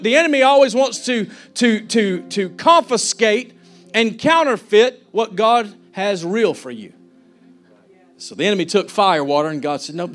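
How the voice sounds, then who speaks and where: A man's voice: high voice, a bit bright. A man preaching a fervent sermon as a pastor, acting out the people he quotes.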